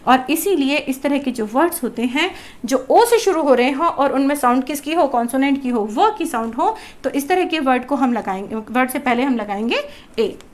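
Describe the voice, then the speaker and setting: A high-pitched woman teaching a grammar lesson to children. She keeps putting a question to the class and then answering it herself, in a patient classroom manner. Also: animated, normal speed. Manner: addresses viewers as children.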